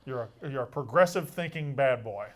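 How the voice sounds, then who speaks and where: Deadpan guy interviewer, mid pitch, teasing and irreverent, casual comedy chat. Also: fairly quick. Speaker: interviewer, host.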